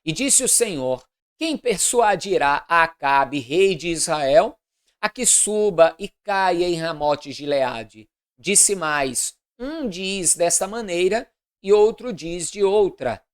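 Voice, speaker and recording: A woman's voice: fairly low pitch, animated. Woman reading scripture aloud. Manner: measured, deliberate reading aloud. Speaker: Bible reader.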